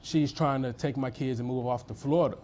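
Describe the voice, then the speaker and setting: A man's voice: medium pitch, brisk, a little mellow, slight background noise. A man in his thirties giving testimony in a courtroom, hesitant, repeating words and filling gaps with "um". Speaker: litigant in a TV court case.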